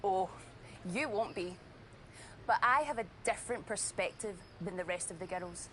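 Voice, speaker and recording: A woman's voice: moderate pace, a little hiss or hum, natural voice. An actress with a Scottish accent playing a smug, scheming woman wrestling champion in video game dialogue. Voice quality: bright, lively and mocking, with high laughs.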